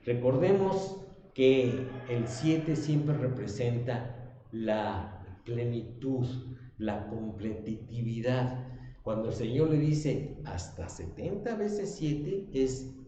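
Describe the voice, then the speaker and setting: A man's voice: mid-range voice, lively intonation, takes it slowly, warm tone, slight background noise. A man teaching a Sunday school Bible lesson, reading scripture aloud and asking the class questions. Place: church classroom. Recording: echoey, dull church room recording.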